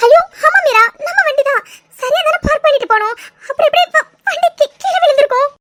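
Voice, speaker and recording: A woman voicing a young woman's worried, caring best friend in a cartoon serial, fretting and scolding gently. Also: extremely high pitch, animated, quick pace, full character voice. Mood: alarmed. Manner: fretful, pleading, motherly scolding.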